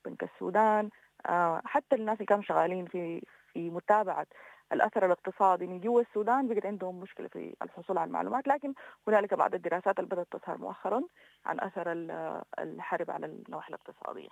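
Very fast, creaky Sudanese woman. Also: on the low side, no room sound, lo-fi sound. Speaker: interview guest, development organization director. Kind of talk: informal expert explanation in an interview.

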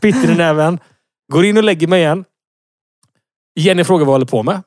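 A man's voice: fairly high pitch, no room sound, clean studio sound. A man in his thirties co-hosting a casual podcast, rambling through a story with lots of fillers and laughing at himself. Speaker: podcast co-host. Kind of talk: casual chat, telling an anecdote.

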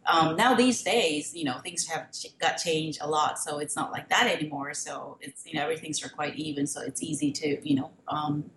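A middle-aged woman from Japan with a Japanese accent, answering interview questions as a guest scientist in halting English with frequent "you know". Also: low voice, fairly bright tone. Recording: echoey room with faint noise.

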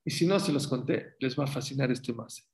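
Animated man preaching in a roomy space. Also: medium pitch, brisk. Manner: animated, acts out story voices. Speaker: religious teacher. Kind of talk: sermon with storytelling. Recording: roomy echo.

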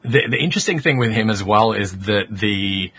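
A man co-hosting a casual podcast, joking around with quick asides about game lore. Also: fairly low pitch, expressive, a bit bright, slightly rough. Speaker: podcast co-host.

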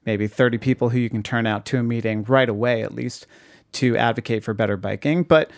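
A man's voice: mid-range voice, fairly quick, creaky, no room sound, clean studio sound. A man co-hosting a talk podcast, chatting casually and giving informal, emphatic advice to listeners. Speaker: podcast co-host.

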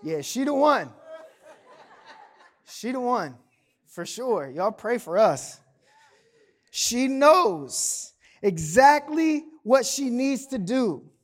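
A man's voice: very high voice, very animated, very slow, long pauses. Casual storytelling pastor, man. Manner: storytelling, conversational with slang and quoted kids' voices. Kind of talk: sermon. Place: church sanctuary.

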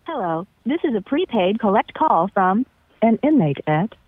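A woman's voice: medium pitch, very animated, normal speed, no echo. A woman's recorded voice giving a formal automated collect-call prompt, heard over a telephone line. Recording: tinny dry phone line.

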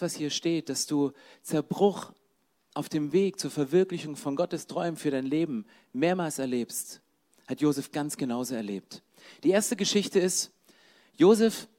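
A man's voice: on the high side, darkish tone. A man preaching a sermon. He addresses his listeners directly and with emphasis.

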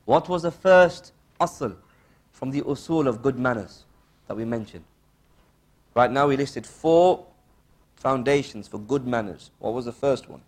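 A man giving a religious lesson as a teacher, didactic and questioning, repeating key phrases with pauses and mixing Arabic quotations into English. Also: medium pitch, lively intonation, a little mellow. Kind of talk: religious lesson, quizzing listeners and explaining.

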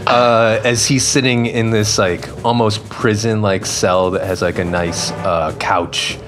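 A man with a lowish voice describes his character's actions in a tabletop game. His talk is casual and improvised, and music plays clearly behind it. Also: fairly even intonation, unhurried.

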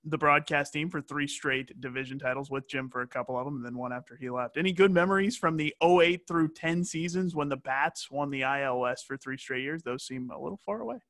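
A man's voice: a little high, fairly quick, few pauses, a bit bright, no echo. A man hosting a casual chat, asking long questions with easygoing fillers. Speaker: podcast host. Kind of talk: casual interview.

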